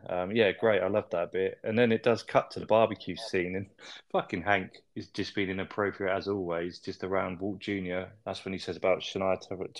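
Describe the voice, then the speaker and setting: A man with a deep voice, easygoing as he hosts a casual recap chat. He often ends remarks with a tag question. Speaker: podcast host.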